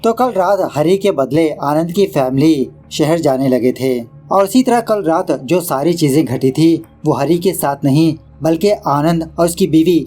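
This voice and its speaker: A man's voice: on the high side, lively intonation, dark tone, faint music behind. A man narrating a casual recap of a horror film, mixing in English words and joking at the director. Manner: brisk storytelling with English words mixed in; quips at the film's director. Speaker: movie explainer.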